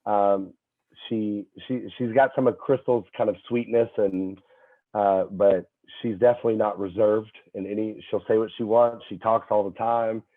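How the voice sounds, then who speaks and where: A young man, a fitness trainer appearing as a podcast guest, telling stories in an animated way, full of fillers and restarts. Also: lowish voice, normal speed. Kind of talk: casual chat. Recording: tinny phone-like call audio.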